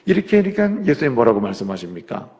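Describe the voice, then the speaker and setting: A male pastor preaching a sermon, moving from quiet explanation to loud, rising exhortation in a church sanctuary. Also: mid-range voice, very animated, fast, big-room sound. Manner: acts out biblical speech in quotes.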